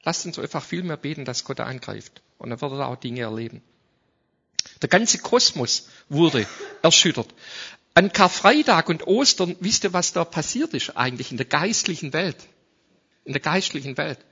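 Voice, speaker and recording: A man preaching a sermon to a congregation, reading scripture aloud and speaking directly to his listeners, swinging from soft asides to loud passages. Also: a little high, lively intonation, normal speed, breathy edge. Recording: dull lo-fi sound.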